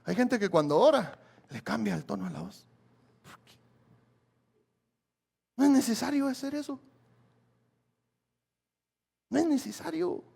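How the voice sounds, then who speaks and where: A man's voice: very high-pitched, lively intonation, moderate pace, vocal fry, long pauses, darkish tone, slightly rough. A man preaching a sermon as a pastor, emphatic and repetitive, often asking the congregation questions. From Guatemala. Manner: emphatic preaching, repeats key phrases, asks the congregation questions.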